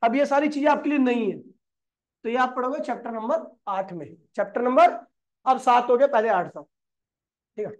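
A man's voice: very high voice, moderate pace. A man teaching physics in a classroom lecture. He asks the class questions and answers them himself, calling the students brother and kid.

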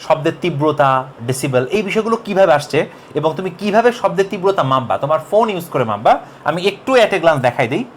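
A man's voice: a little high, fast, a little hiss or hum. A young man teaching a casual physics lesson, joking and talking straight to the viewers. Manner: lively, jokey, talks to viewers as you. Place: classroom recording.

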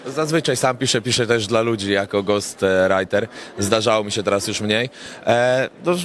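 A young man, a rapper and songwriter, answering red-carpet questions in a relaxed, rambling way with many filler sounds, into a handheld reporter mic at a cinema premiere. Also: fairly low pitch, normal speed. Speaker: rapper and songwriter, interview guest. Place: indoor cinema premiere event, crowded lobby. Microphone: handheld reporter mic held near him.

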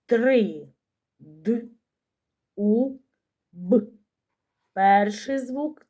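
A woman teacher giving a slow, careful phonics lesson to young children, sounding out each letter. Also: medium pitch, warm tone.

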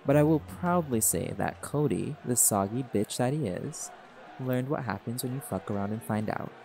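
In a scripted roleplay monologue with party music and a noisy background, a male performer speaks at normal speed in an expressive, gravelly, mid-range voice. His character is a relaxed, cocky jaguar shifter, a male pack alpha given to laid-back teasing.

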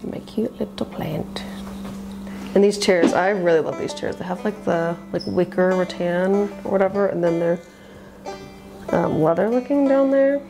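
Bubbly young woman with a creaky voice. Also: fairly low pitch, normal speed, over music. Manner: bubbly, gushing, says cute a lot. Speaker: vlogger giving a house tour. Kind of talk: casual chat. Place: small apartment kitchen and living room, indoors.

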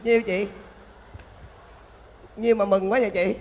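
Man, high bright voice, deferential hired mourner, echoing stage hall. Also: flat delivery, a little slow. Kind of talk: stage comedy sketch. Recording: stage recording in a reverberant hall.

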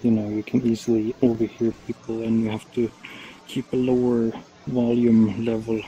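A man's voice: mid-range voice, monotone, normal speed, warm tone. A man from Sweden hosting a casual group chat in a virtual world, hesitant with many fillers and restarts. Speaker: club host. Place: online voice chat. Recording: dull lo-fi stream audio with faint noise.

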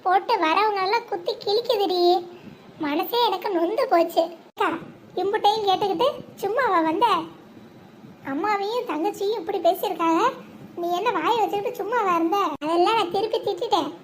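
A shrill, outspoken village woman. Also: a little fast, slight background noise. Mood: indignant. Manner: scolding, emphatic, colloquial. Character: outspoken, indignant village woman, an older sister to her friends. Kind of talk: animated village drama.

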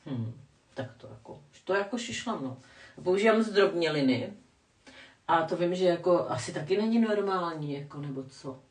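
A woman's voice: lowish voice, lively intonation, recorded from a distance. An older woman chatting casually on a live stream while doing her makeup, rambling and self-mocking as she answers the chat. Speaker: vlogger reading live chat. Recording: echoey room, voice a bit off-mic.

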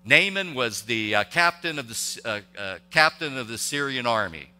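Male pastor, intense and tense-toned, folksy halting sermon delivery, long church-hall reverb. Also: medium pitch, expressive, sharp tone, soft background music. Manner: conversational, halting, many restarts and rhetorical questions. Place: church sanctuary.

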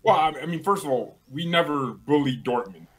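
A young man in his twenties, a guest who supports a rival team, teases and banters playfully over a video call from a small room at home. His voice is a little high, expressive and brisk.

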